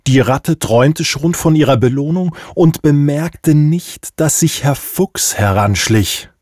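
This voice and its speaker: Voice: medium pitch, takes it slowly, darkish tone, no room sound, studio quality. A storyteller reading a scripted children's tale.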